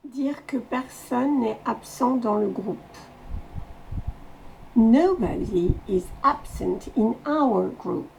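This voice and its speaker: Une enseignante française qui fait répéter des phrases anglaises, voix chaude et un peu aiguë, léger bruit de fond. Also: female voice, on the high side, vocal fry, a little hiss or hum, low-quality recording. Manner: slow, repeats English phrases loudly for practice. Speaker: English teacher. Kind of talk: pronunciation lesson for French speakers.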